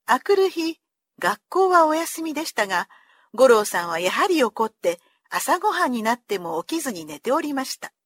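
A high-voiced woman reads a children's story aloud, her pitch leaping and falling with the tale. She acts out each character as she goes, and the sound is close and dry, with no room around it. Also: sing-song, moderate pace, no echo.

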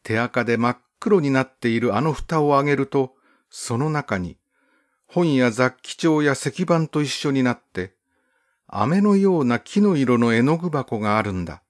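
An audiobook narrator, male, reads a first-person story in a calm, literary storybook style. His delivery is measured and gently expressive, and though his pitch is mid-range, it swings widely between phrases, lending the reading a strong melodic quality.

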